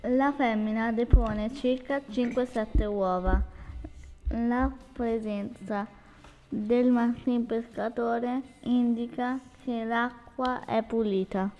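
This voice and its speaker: A woman's voice: a little high, fairly even intonation, slow pace, long reverb tail, muffled recording. A young schoolgirl reading a prepared presentation about a bird. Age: child. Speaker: student presenter. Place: school room.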